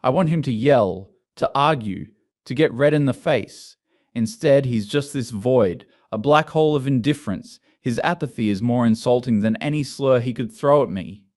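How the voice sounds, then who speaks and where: A man narrating an online story in a steady, scripted storytelling read. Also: mid-range voice, normal speed.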